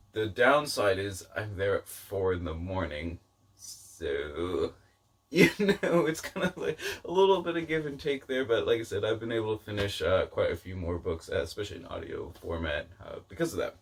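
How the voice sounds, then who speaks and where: This man's voice sits on the low side yet sounds fairly bright, picked up by a distant mic. He's a book vlogger chatting informally through a rambling, self-deprecating review.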